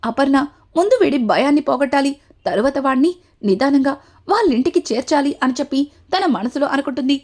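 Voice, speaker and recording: A woman narrating a steady, story-style recap of a TV serial episode, linking each event to the next. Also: high-pitched, brisk. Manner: steady retelling, links events with repeated connectives.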